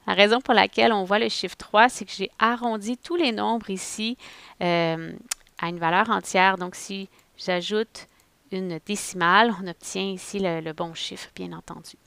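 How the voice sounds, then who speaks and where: A woman walks through a screen-recorded tutorial as a patient teacher, narrating each step as she thinks it through. Her voice carries a gravelly fry. The recording is dry and close, with no room sound. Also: medium pitch, steady tone, moderate pace, a bit bright, dry recording.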